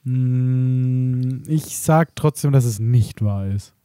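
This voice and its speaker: A man with a mellow, warm tone chats casually on a podcast. He thinks aloud and hesitates before he commits. The sound is dry and close. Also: medium pitch, takes it slowly, clean tone, no room sound. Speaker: podcast guest. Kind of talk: casual chat.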